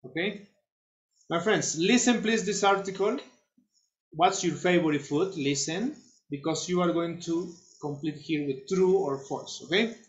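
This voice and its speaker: A man teaching English to children over a video call, slow and patient, repeating his instructions. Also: fairly high pitch, echoey room, highs cut off. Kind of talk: online class instruction.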